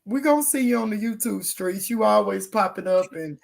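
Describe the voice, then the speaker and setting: Woman, livestream host, hoarse, gravelly fry, casual chat. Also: medium pitch, moderate pace, a little mellow. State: hoarse, losing her voice.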